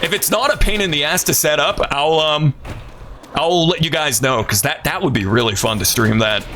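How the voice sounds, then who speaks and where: A man's voice: on the high side, normal speed. A man giving casual, playful live gameplay commentary and chatting to his viewers. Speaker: game streamer. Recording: game gunfire noise behind voice. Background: video game sounds and gunfire.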